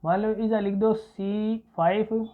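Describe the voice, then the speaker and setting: A male teacher with a Rajasthani accent walks students through an exam answer step by step, dictating slowly and often stopping to ask whether it is clear. The recording is thin and tinny, as if captured over a phone line. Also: high voice, fairly even intonation. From Rajasthan, India. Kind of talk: exam-prep lesson.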